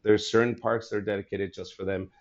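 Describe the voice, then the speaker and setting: A man in his forties, a comedian, chatting casually and telling stories in an animated, laughing way. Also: fairly low pitch, a little fast, muffled recording. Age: 40s. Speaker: comedian guest. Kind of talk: casual podcast chat.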